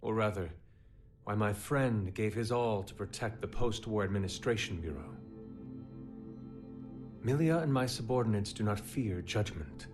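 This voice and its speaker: An actor playing a solemn, loyal royal subordinate in a video game, with grave, formal, measured speech. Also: male voice, fairly low pitch, over music, lightly acted. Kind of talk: video game cutscene acting.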